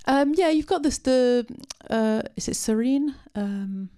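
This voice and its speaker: At a post-film discussion, a part-Syrian woman answers audience questions unscripted, with many pauses, ums and restarts. Her voice is fairly high and dark in tone, with lively intonation.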